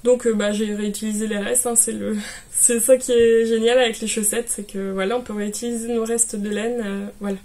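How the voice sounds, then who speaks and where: A woman's voice: a little high, little pitch movement, fairly quick, mellow. A woman chatting casually in a knitting vlog, talking to viewers with many fillers and restarts. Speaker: knitting vlogger.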